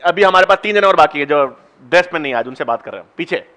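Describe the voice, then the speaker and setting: Teacher, male, high bright voice, coaxes students to try answers in a classroom. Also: lively intonation. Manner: coaxing, encouraging students to answer; slow, deliberate when explaining steps. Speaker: biology teacher. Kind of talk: classroom lecture with student questions.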